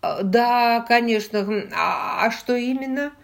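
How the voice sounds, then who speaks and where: A woman's voice: lowish voice, measured pace. A woman voicing a polite, eager young male army lieutenant, hesitant and stumbling over fillers in an audiobook reading. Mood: flustered polite.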